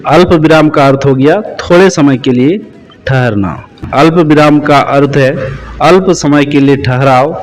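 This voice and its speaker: Hindi grammar teacher, slow stressed examples. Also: male voice, a little high, poor audio. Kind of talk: explanatory lesson.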